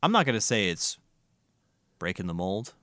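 A man's voice: fairly low pitch, very animated, moderate pace, pushed and bright, dry recording, studio quality. A man hosting a casual music podcast, reviewing records in an enthusiastic, profane, rambling way.

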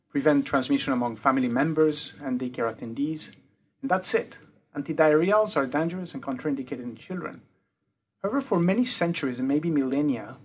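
A man's voice: a little high, a little hiss or hum. Man with a French-Mexican accent explaining. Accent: mixed French and Mexican Spanish. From born in the UK, grew up in Mexico. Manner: methodical, lists points in a steady explanatory way. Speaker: pediatric emergency physician, interviewee. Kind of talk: explanatory interview answers.

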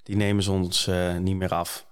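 A man's voice: low-pitched, flat delivery, normal speed, clear, resonant tone. A Dutch man hosting a casual podcast, talking with many fillers and restarts. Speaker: podcast host.

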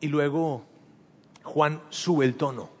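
Emphatic pastor in a reverberant hall. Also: male voice, a little high, slow pace, breathy edge. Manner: animated, emphatic, direct address. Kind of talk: sermon. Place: church sanctuary.

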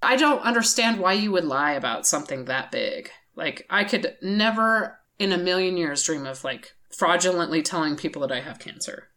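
A woman's voice: on the low side, expressive, normal speed, few pauses, pushed and bright. A woman co-hosting a casual podcast chat, talking bluntly and indignantly, with the odd swear word. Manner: indignant, blunt, uses profanity.

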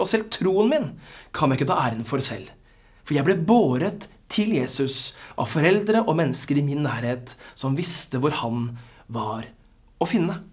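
A preacher delivering a sermon with a husky voice, swinging dynamics and phrases that fall to near-whispers. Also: medium pitch.

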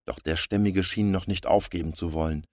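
Male storyteller, very low and husky, dry close recording. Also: fairly even intonation, brisk, a little mellow, no echo. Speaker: narrator. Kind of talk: storybook reading.

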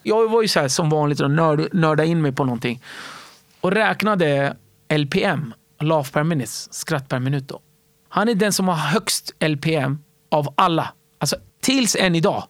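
A man telling stories in a casual interview, animated and fond of acting out other people's voices. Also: a little high, no echo. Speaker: stand-up comedy entrepreneur and guest.

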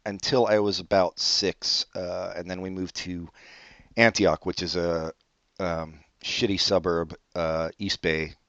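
Sitting low with fairly even intonation, this man talks a little slowly in a fairly bright tone, no echo. A Brazil-born, California-raised podcast co-host, he rambles dryly through casual comedy and swears offhand. The recording is dull, dry and lo-fi.

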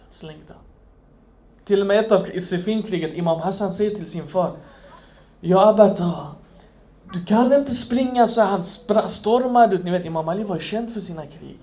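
A man preaching an Islamic sermon, impassioned, swinging from loud emphasis to hushed near-whispers. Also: high voice.

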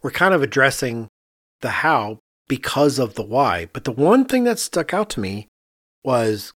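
Speaking with an American accent, an architect co-hosting a podcast talks casually about architecture, explaining things and working through his thoughts aloud. His medium-pitched voice is sing-song, a bit bright, and a little slow. The studio-quality recording has no echo.

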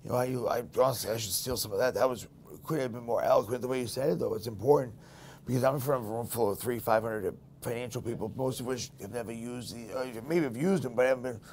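A fast-talking man with a medium-pitched voice and a Boston accent hosts a podcast, with a little hiss or hum in the audio. He talks bluntly and candidly in casual conversation, telling stories in an animated way.

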